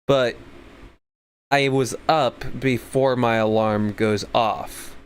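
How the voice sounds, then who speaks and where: A man's voice: medium pitch, fairly even intonation, takes it slowly, clear, resonant tone. A man hosting a livestream, talking in a crude, rambling, sarcastic way and sounding sleepy. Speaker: livestream host. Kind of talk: casual profane commentary.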